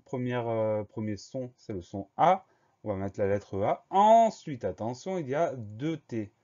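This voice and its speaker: A man teaching a French spelling lesson, slowly spelling each word letter by letter and explaining the grammar. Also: mid-range voice, animated, mellow, lo-fi sound. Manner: slow, methodical, spells words letter by letter.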